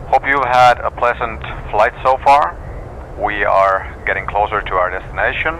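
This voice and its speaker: Casting: male actor as courteous airline captain, lowish voice, cockpit headset PA sound, engine noise behind. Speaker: airline captain making cabin announcement. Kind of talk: pilot announcement over cabin PA. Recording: muffled PA over aircraft cabin noise.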